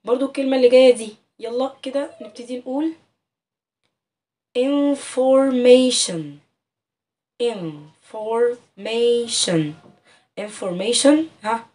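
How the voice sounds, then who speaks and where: Egyptian woman teacher, higher pitch, patient and clear, stretches example words, mic set back a bit. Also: mellow, far from the mic. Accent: Egyptian Arabic. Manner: clear, patient explaining with drawn-out sample words. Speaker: English teacher. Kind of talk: casual online lesson.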